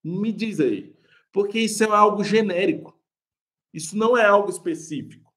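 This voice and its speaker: A young Brazilian pastor speaks in a high-pitched voice at normal speed while teaching preaching in a live online class. His Portuguese-accented delivery is lively and talkative. He laughs frequently and calls the audience "gente".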